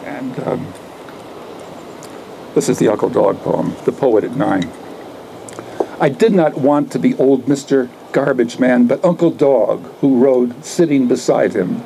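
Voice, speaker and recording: Light ambient noise fills this low-quality recording of a poet in his 70s reading his own poems, with asides, into a stand mic in an outdoor garden. His voice is dark, relaxed, creaky and middle-pitched, and he declaims in short, carefully placed phrases.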